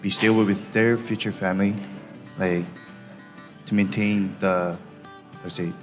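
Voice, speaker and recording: A man's voice: deep voice, steady tone, measured pace. A young man from South Korea speaking English as a student, hesitant and full of "like". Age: young adult. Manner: hesitant, fills with "like". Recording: reverberant lecture hall with background music.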